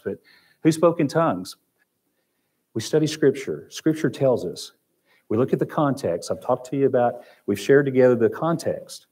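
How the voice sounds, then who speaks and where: His voice on the low side and a little mellow, a man with an Oklahoma accent leads a Sunday Bible class. He talks conversationally in a church classroom with a projector screen, repeating phrases as he goes.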